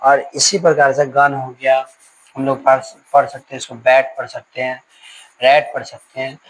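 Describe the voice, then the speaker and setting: A man's voice: medium pitch, flat delivery, rough recording. A male teacher giving a live online grammar class, explaining patiently and dictating definitions word by word. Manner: explains slowly, repeats and dictates words one by one.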